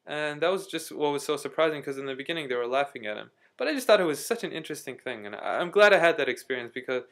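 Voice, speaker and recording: A man with a slightly high, fairly bright voice, vocal fry, and a quick, animated pace rambles through a story in his video diary. The vlogger, who lives in Istanbul, chats casually, full of ums, fillers, and restarts.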